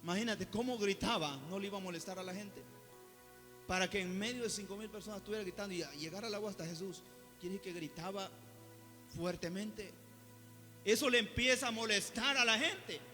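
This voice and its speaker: Fervent high-voiced male preacher in a hall. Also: a little fast. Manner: swings between soft, quiet asides and loud, fervent exhortation. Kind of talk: sermon. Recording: reverberant hall with soft music behind.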